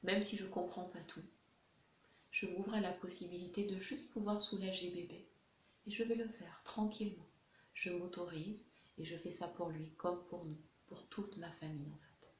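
A woman leads a tapping session with calm, gentle instructions. Her voice sits low for a woman. The recording rings with room echo over a faint hiss. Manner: gentle, slow, soothing guidance. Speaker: EFT practitioner guiding a session.

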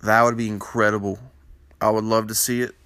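A man's voice: fairly low pitch, level tone, a little fast, fairly bright tone, clear, resonant tone, dry recording. A man hosting a basketball news panel in casual commentary, with a congested morning voice from a sinus infection, rambling with many fillers. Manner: rambling, filler-heavy, opinionated.

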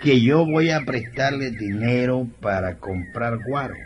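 A man's voice: mid-range voice, unhurried, highs cut off, a little hiss or hum, close to an everyday voice. A man playing a stingy, mocking old moneylender in a radio comedy sketch, scolding. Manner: scolding, teasing, cackling laughs.

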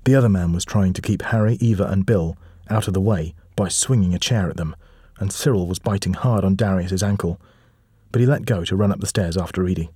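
A man narrating a children's storybook aloud, reading steadily and lively. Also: deep voice, a little fast, husky, no room sound, studio quality.

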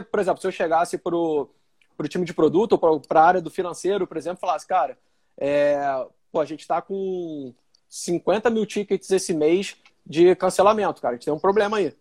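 A man with a Brazilian Portuguese accent and a fairly high-pitched voice talks as a guest in a casual interview. He explains things informally, with plenty of slang. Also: a little mellow. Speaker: guest, customer experience director.

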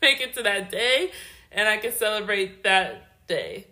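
A woman in her late twenties co-hosting a podcast, chatting in a giggly, expressive way. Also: mid-range voice, measured pace. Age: late 20s. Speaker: podcast co-host. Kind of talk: casual chat.

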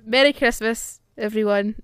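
A woman's voice: a little high, fairly even intonation, normal speed. A woman co-hosting a casual podcast chat, making dry, matter-of-fact remarks. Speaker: podcast co-host.

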